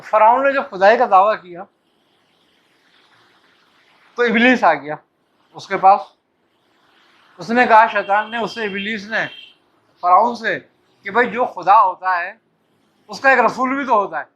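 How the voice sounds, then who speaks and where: A man's voice: high voice, a bit bright. A man, a Sufi teacher, telling a religious story in a casual way and acting out the dialogue of its figures. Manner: casual, acts out dialogue with quick voice shifts. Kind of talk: storytelling talk to disciples. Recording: dull lo-fi recording.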